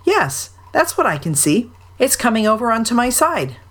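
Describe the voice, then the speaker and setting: A woman's voice: a little high, very animated, moderate pace, fairly bright tone, pitched above the performer's own voice. A woman voicing a kindly, simple-hearted male bear in a children's storybook, speaking earnestly. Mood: earnest, excited.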